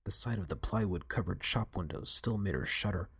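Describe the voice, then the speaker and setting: A man reading a story aloud in an expressive, scripted narration style. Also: sits low, brisk, gravelly, very noisy. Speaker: audiobook narrator.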